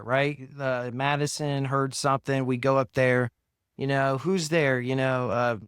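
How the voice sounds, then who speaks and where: Slow-talking man with a smooth voice. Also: mid-range voice, a bit bright, no echo, clean studio sound. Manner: loose, hesitant, many fillers. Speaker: podcast co-host, paranormal investigator. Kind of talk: casual podcast chat.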